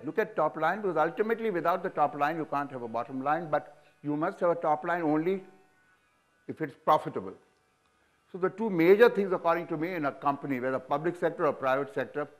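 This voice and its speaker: A man in his seventies with an Indian English accent, speaking frankly and animatedly as a guest in an on-stage interview, recorded on a lapel mic. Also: fairly high pitch. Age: 70s. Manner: animated, frank, sweeping hand gestures, chuckling. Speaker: business leader guest. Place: auditorium stage.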